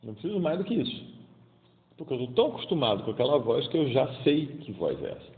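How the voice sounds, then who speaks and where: A man's voice: mid-range voice, huge pitch swings, quick pace. A man in his fifties with a Carioca accent gives a casual, colloquial daily homily and acts out the voices in the stories he tells. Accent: Carioca Brazilian Portuguese. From Rio de Janeiro, Brazil. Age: 50s. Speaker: preacher. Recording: tinny, echoey hall sound.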